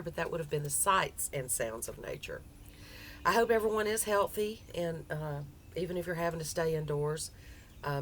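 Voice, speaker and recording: A woman with a low voice talks in a folksy Southern US drawl, chatty and informal like a home crochet vlogger. She is recorded outside on a porch, with light outdoor noise behind her. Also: a bit bright. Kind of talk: casual, chatty vlog.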